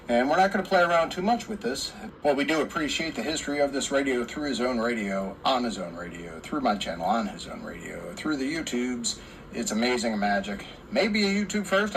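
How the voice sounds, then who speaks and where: With clear background noise and poor audio, a lowish-voiced man does a casual hands-on radio repair. He rambles and repeats himself, plainly excited about the equipment.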